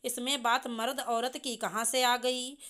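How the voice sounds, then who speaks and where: A woman's voice: fairly high pitch, level tone, unhurried, fairly bright tone, clean tone. A woman voicing a young working wife who protests earnestly against being blamed. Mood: indignant.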